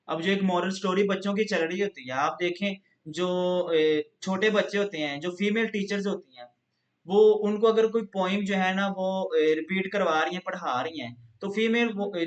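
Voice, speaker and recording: High-voiced man explaining a software tutorial. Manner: patient, step-by-step explaining, leans on a repeated filler phrase. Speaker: instructor. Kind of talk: screen-recorded software tutorial.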